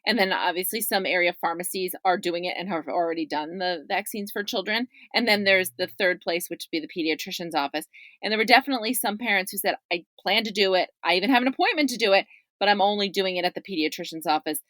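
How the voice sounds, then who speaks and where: Speaking fast in a fairly low, somewhat bright voice without echo, a middle-aged woman joins a podcast as a guest. Her conversation about her parents' views is chatty and emphatic, peppered with "right?".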